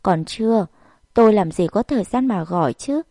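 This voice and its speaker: Woman doing older housekeeper, indignant, sharp-tongued, blunt scolding, warm low-bright tone, storybook reading. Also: lively intonation, moderate pace, dry recording.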